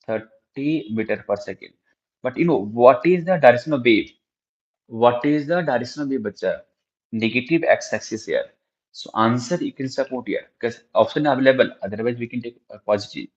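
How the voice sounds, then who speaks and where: A man with an Indian accent teaching a live online physics lesson, often repeating phrases and questions and addressing his students in a familiar way. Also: mid-range voice. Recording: dull, lo-fi microphone sound.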